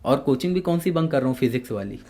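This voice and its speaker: A man who works as an anchor and voice artist, talking as a guest in a casual podcast interview and telling anecdotes in a lively way. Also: medium pitch, fast. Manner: lively anecdotal storyteller, explains patiently.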